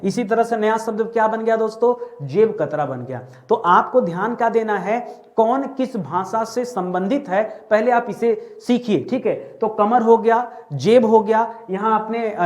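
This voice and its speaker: A man teaching a Hindi grammar class online, lively and joking, drilling words by repetition. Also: high voice.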